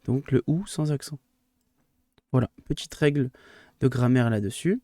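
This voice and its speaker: A man's voice: mid-range voice, measured pace, dark tone, no echo, clean studio sound. A male primary school teacher recording a remote lesson for his pupils, hesitant with many fillers and restarts, livelier when he explains a rule.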